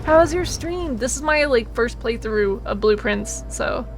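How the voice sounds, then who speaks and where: A woman's voice: on the high side, lively intonation, measured pace, soft background music. A woman livestreaming a video game with casual commentary and a cute, bubbly anime-streamer delivery.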